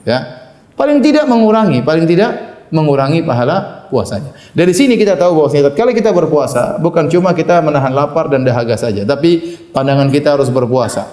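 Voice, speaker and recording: A man giving a Ramadan sermon in an animated manner, quoting Arabic and translating it, with humorous asides. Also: a little high, fast talker. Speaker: preacher. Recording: echoey room.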